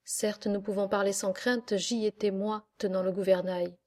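A man's voice: high-pitched, level tone, moderate pace, a little mellow. A woman reading a proud old sailor. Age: older. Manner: storytelling, proud. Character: kindly old male sailor and singer. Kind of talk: audiobook character reading.

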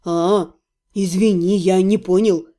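A woman voicing a nervous, bewildered young male necromancer who speaks low and hesitantly. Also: steady tone, slow pace, dark tone, natural voice.

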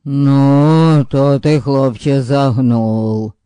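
A man's voice: medium pitch, sing-song, slow, a little mellow, dry recording, clean studio sound. A male narrator voicing a folksy older village man who drawls and mixes in Ukrainian words. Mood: wry.

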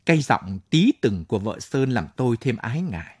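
Man reading a night-time story, husky voice, calm, dry close sound. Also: mid-range voice, brisk, dry recording. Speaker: story reader. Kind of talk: late-night audio story narration.

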